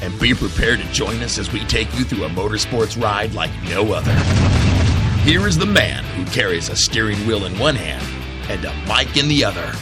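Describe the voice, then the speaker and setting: A man's voice: on the low side, very animated, moderate pace, loud music behind the voice. A man announcing a radio show intro in a scripted promotional style.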